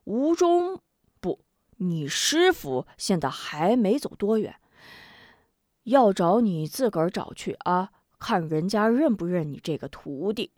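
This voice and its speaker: A woman voicing a worldly older male bandit who keeps scolding his slow companion in exasperation. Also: mid-range voice, very animated, a little mellow, no echo, studio quality. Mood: exasperated.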